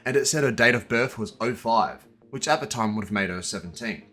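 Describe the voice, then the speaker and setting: A man's voice: on the low side, a little fast, bright, forceful tone, soft background music. A man narrating a scripted exposé in a casual, blunt and profane manner, with sardonic asides aimed directly at the person he is exposing. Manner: sardonic, addresses his target directly.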